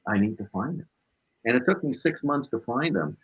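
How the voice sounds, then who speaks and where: The man's medium-pitched voice, slightly rough and at a normal speed, is heard on a rough recording. Interviewed as a guest, this blues musician casually shares lively personal anecdotes, acting out dialogue and tagging phrases with "right?".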